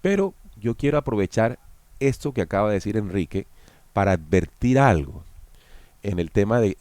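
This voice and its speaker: Male host, lowish voice, dry sound; explanatory, talks straight to viewers. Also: animated, normal speed, darkish tone, no echo. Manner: explanatory, addresses viewers directly. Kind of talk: analytical commentary.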